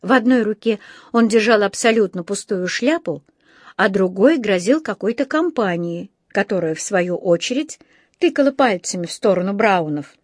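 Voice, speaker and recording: A woman narrating a children's storybook in a clear, measured way. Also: medium pitch, lively intonation, dry recording, clean studio sound. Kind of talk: audiobook narration.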